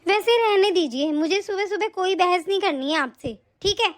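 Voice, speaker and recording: A woman voicing a sharp-tongued, grudging sister-in-law in an animated story, full of sarcastic taunts. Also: extremely high pitch, normal speed. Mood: indignant.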